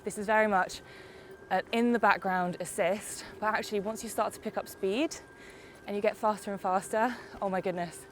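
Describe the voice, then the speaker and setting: Riding an e-bike on roads and hills, a young woman from the UK gives a casual, cheerful video review, talking through it as she cycles. Her medium-pitched voice is steady and moderately paced, stuffed up by a summer cold, with slight background noise.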